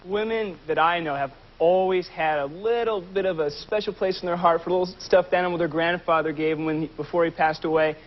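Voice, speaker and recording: A man's voice: a little high, fairly even intonation, brisk, hardly any pauses. A man giving unscripted answers as a contestant on a television game show. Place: television studio. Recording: dull old TV audio, audience behind.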